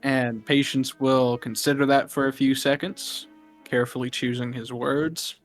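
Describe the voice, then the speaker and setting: A man narrating a tabletop game as game master, explaining deliberately with pauses. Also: medium pitch, steady tone, soft background music.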